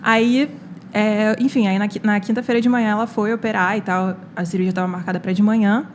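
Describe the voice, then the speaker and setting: A woman's voice: mid-range voice, brisk, a little hiss or hum. A young Brazilian woman, a medical student guest, telling a personal story on a casual podcast with many quoted lines and fillers. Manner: animated retelling with quoted dialogue and many fillers.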